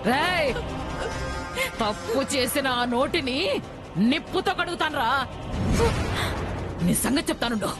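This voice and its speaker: Stern vengeful grandma, scolding and bossy, tv melodrama, high voice, loud music behind. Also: female voice, animated, a little slow, pauses often. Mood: menacing. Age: older. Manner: scolding, commanding. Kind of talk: melodramatic Telugu serial acting.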